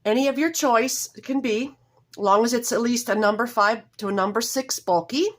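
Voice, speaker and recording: On the high side and a touch hoarse from a cold, this woman's voice guides viewers through a casual home knitting tutorial one step at a time. She comes across as warm and apologetic, often breaking off to correct herself.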